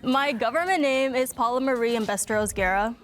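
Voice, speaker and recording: A woman from the Philippines chats casually as a game contestant. Her fairly high voice is relaxed and full of little fillers. Clear music plays beneath her. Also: a little fast. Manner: chatty, relaxed, uses fillers like um. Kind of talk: casual chat.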